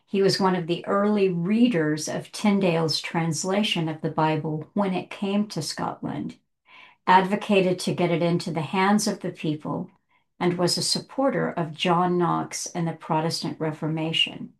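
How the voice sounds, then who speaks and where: A woman's voice: fairly low pitch, steady tone, moderate pace. A woman hosting a casual, rambling book discussion, chatty and self-correcting, who reads passages aloud with care.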